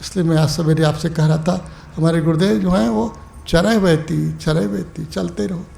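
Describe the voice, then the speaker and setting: A man with a high, gravelly voice delivers an evening spiritual discourse, calling his listeners "my dear" and "my brother". He moves between rising exhortation and soft, unhurried asides. The sound rings with the echo of a hall. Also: fairly even intonation. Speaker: spiritual teacher.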